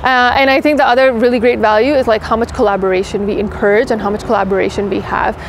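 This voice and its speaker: A woman's voice: on the high side, fairly even intonation, noisy background. Chatty young woman outdoors in a city. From Pakistan, raised in Toronto. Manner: quick, chatty, many "like" fillers. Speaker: engineering director, interview guest. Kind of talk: casual interview answers. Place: outdoor garden courtyard in a city.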